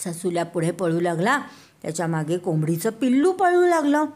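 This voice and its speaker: An older woman telling a children's story in a slow, sing-song way, addressing the kids directly. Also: lowish voice, animated, darkish tone. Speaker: storyteller grandmother.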